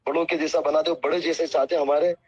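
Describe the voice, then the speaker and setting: A cleric on a phone call apologizes humbly and earnestly, asking at length for patience, with crowd noise behind him. He speaks fast at a fairly high pitch with little pitch movement, and the call is recorded muffled and lo-fi.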